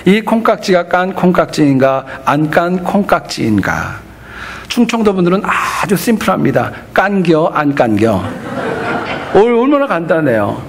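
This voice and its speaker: A male pastor preaching a sermon in church, earnest and teaching, with humorous asides. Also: fairly high pitch.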